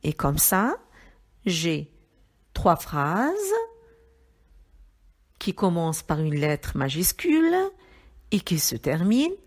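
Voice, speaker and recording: Slow, lively-voiced woman teaching children. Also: low-pitched. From Morocco. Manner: deliberate, word-by-word, stressing each syllable; affectionate toward pupils. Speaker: primary school teacher. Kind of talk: slow reading lesson for young children.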